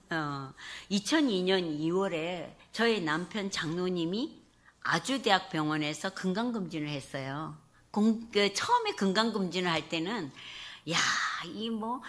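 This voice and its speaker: Lively, bright-voiced woman preaching. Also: fairly low pitch. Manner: animated storytelling, acting out her own past words. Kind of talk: testimony sermon. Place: church sanctuary.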